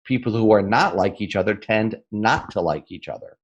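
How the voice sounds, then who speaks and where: A man from the northern United States, a guest on an interview podcast, explaining sales technique in an energetic and emphatic way, often asking "right?" and speeding up or slowing down for emphasis. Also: fairly low pitch, highs cut off. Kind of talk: interview, teaching.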